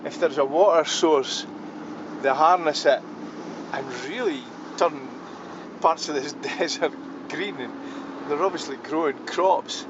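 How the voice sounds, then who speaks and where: The speaker is a male travel vlogger with a fairly high pitch and an unhurried manner. He muses aloud with many ums and restarts while driving and walking around a small town. The audio is dull, and the background is noisy.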